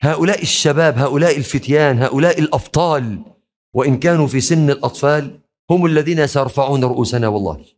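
A man's voice: mid-range voice, fast. A man preaching a sermon in an impassioned manner, climbing to raised, fervent calls.

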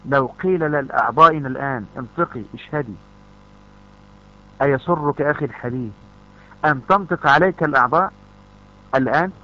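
A man's voice: fairly high pitch, fast, sharp tone. A male preacher, delivering a fervent sermon full of repeated rhetorical questions. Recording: dull lo-fi recording.

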